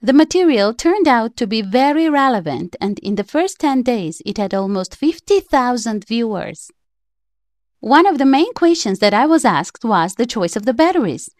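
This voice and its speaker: A woman's voice: on the high side, a little mellow, no echo, clean studio sound. A woman reading a prepared script as the voice-over narrator of a DIY electronics tutorial, in plain, slightly stiff phrasing.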